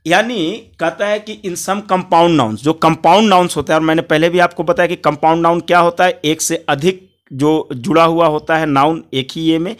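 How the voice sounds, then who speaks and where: Male online tutor, fairly high voice, patient, repetitive, spells words aloud letter by letter. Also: fairly even intonation, moderate pace. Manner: addresses viewers as friends, repeats each point. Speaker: English teacher. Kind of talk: Hindi grammar lesson.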